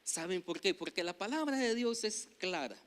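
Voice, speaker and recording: Man, Nicaraguan accent, pastor, sermon, high voice, loud scripture reading, joking with the congregation. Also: lively intonation, moderate pace. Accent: Nicaraguan Spanish. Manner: preaching, rising loud when reading scripture, jokes with the congregation.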